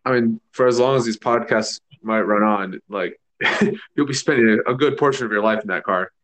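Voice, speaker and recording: A man's voice: on the low side, normal speed, a bit bright. A man co-hosting a podcast, chatting casually in a laid-back way with dry jokes. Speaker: podcast co-host. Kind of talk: casual chat.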